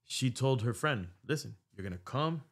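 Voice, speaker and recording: Husky and animated, with medium pitch and a moderate pace, the middle-aged American host tells a long, casual story on his podcast through a boom-arm studio mic, dropping Spanish words and swearing freely.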